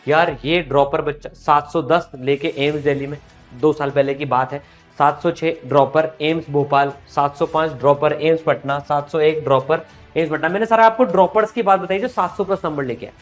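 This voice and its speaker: A man speaking as a coaching teacher, giving students a motivational pep talk. He speaks animatedly and familiarly, rising higher and louder when he urges them on. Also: moderate pace, faint music behind. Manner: animated, rising in pitch and loudness when urging; addresses listeners familiarly as friends and brothers.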